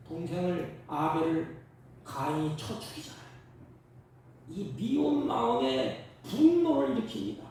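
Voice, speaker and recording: A male pastor preaching in a church, his fairly high voice edged with gravel. He swings into loud, emphatic bursts. The sound is echoey and distant, caught from across the hall. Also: slight background noise. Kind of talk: sermon. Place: church sanctuary.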